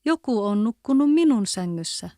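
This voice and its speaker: A woman with a Kven accent voicing a soft-spoken mother bear in a storybook. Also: fairly high pitch, animated, no echo, studio quality, lightly acted. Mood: puzzled. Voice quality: softer voice.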